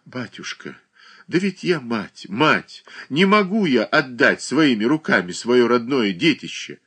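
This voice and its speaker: A man's voice: on the low side, very animated, measured pace, fairly bright tone, slightly rough, heavily acted. A man reading an audiobook voices an older grieving mother who pleads and laments. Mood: pleading. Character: grieving older mother, clinging, pious, tearful.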